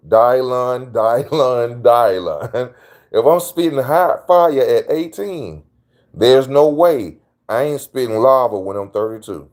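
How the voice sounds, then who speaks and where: A man's voice: mid-range voice, a little mellow. A man hosting his own channel, giving casual opinion commentary in a slangy, emphatic way that repeats his points. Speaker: channel host.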